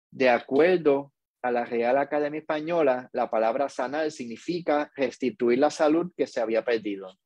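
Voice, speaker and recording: A middle-aged man, hosting a podcast in a slow, earnest, reflective monologue. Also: medium pitch, darkish tone, no echo. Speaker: podcast host.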